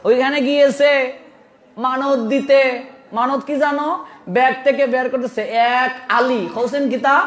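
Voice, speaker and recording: A high-pitched man with a Sylheti accent preaches to a crowd, teasing and scolding by turns and laughing through his stories. His voice rings around a big echoing hall, with a faint murmur of listeners behind him. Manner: animated, laughing, scolding, exclaiming. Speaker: religious preacher. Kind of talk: sermon with humorous anecdotes.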